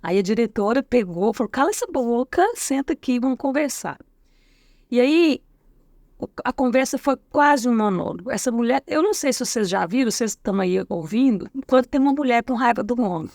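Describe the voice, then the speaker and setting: Middle-aged Brazilian woman, lively storyteller. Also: fairly high pitch, fairly quick, no echo, studio quality. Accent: Brazilian Portuguese. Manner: acts out quoted dialogue, frequent tag questions. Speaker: guest educator. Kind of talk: anecdotal storytelling in a casual interview.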